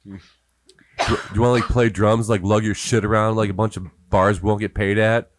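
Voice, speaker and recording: Band interview host: American male, 50s, lowish dry voice, loose, teasing, sweary banter. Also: level tone, a little fast, no echo. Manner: joking, teasing, swears freely.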